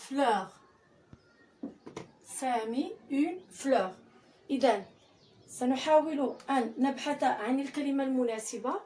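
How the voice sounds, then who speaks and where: Slow, high-voiced woman teaching French reading. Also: darkish tone, slight background noise. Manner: spells letters one by one, repeats syllables; mixes Arabic explanations with French. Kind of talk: slow spelling and reading lesson.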